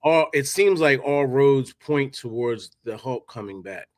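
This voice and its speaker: A man's voice: mid-range voice, animated, a little slow, no room sound, clean studio sound. A man co-hosting a casual fan podcast, thoughtful and rambling, full of fillers. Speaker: co-host.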